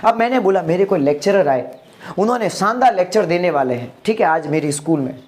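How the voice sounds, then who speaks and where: A male English teacher explaining a lesson, asking rhetorical questions, checking on his listeners, and slowing down to spell out example sentences. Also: sits high, animated, darkish tone. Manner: rhetorical questions, calls listeners "my dear", checks "are you getting?".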